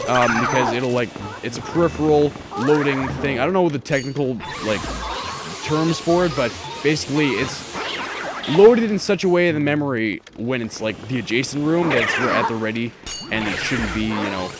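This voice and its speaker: A young man with a hoarse, cracking voice from illness, rambling and joking as he commentates his video game playthrough. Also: medium pitch. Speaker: Let's Play host.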